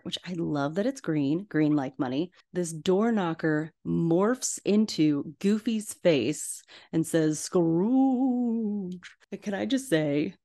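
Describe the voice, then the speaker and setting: A woman podcast host, retelling a cartoon scene by scene in a lively, playful way and acting out the characters' lines. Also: low voice. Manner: animated, playful storytelling with acted-out quotes. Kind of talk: casual film recap.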